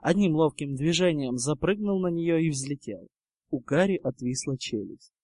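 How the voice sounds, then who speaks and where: A man narrating a story in a lively, dramatic audiobook reading. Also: on the high side, moderate pace, no echo, studio quality. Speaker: reader.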